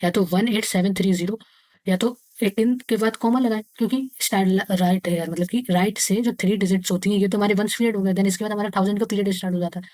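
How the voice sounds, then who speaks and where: A woman with an Indian accent teaching maths to young pupils. She reads English textbook lines slowly, then explains them again and counts aloud step by step. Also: medium pitch, fairly even intonation, darkish tone, dry recording. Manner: slow, deliberate reading of English textbook lines; explains each line again in Hindi. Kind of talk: casual lesson for young pupils.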